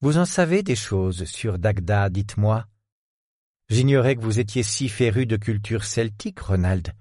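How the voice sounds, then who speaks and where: A man voicing a suspicious, arrogant young woman who talks in a sharp, needling, familiar way. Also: fairly low pitch, animated, a little slow, no room sound, studio quality.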